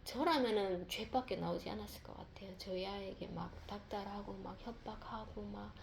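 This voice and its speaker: A woman's voice: mid-range voice, a little fast, vocal fry, noisy background. A mother telling a personal faith testimony, rambling, with many fillers and repeated words.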